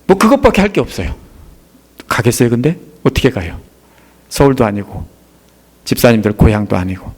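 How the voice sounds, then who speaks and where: A middle-aged Korean man preaching a sermon, asking the congregation questions and answering them, his voice rising for emphasis and then dropping low and soft. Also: sing-song, fairly quick, long pauses, husky. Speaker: pastor.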